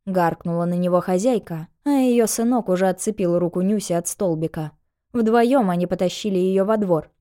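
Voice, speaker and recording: Calm woman reading an audiobook. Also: fairly low pitch, moderate pace. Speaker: narrator. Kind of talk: audiobook narration.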